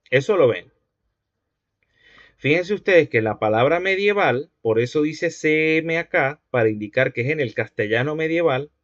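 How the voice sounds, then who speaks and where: A man's voice: mid-range voice, no room sound. Man teaching a phonology lecture. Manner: patient, repetitive, asks checking questions. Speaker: linguistics teacher. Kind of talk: university lecture. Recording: dry, dull lo-fi recording.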